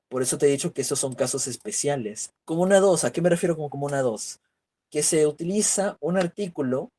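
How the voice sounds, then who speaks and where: On a video call, a man lectures a virtual grammar class through his computer mic, his voice pitched on the high side with a darkish quality. He steps through examples and keeps asking rhetorical questions.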